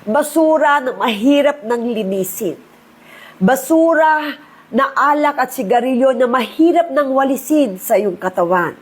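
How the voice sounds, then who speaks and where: A woman's voice: high-pitched, expressive, measured pace, slightly rough. A middle-aged woman, giving a personal testimony in an earnest, preachy and emotional way. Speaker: insurance agent sharing testimony.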